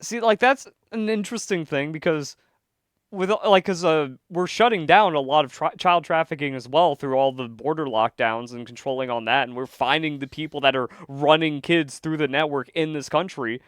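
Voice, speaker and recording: A man co-hosting a casual political podcast, his voice sitting a little high. He gets animated and slips into quoted voices as he explains. The sound is dry, close and free of room echo. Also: moderate pace, smooth. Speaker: podcast co-host.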